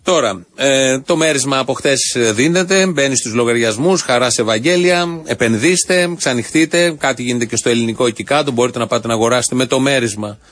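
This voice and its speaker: A man's voice: medium pitch, hardly any pauses, fairly bright tone. A man hosting a radio show, giving ironic, mock-earnest satirical commentary in speech. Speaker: radio host.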